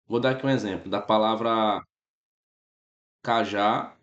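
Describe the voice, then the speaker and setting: A man's voice: fairly low pitch, steady tone, unhurried, a bit bright, echoey room, dull audio. A man with a Brazilian Portuguese accent teaches a grammar class in a loose, chatty way. He checks in with his students after almost every point. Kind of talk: casual spoken grammar lesson.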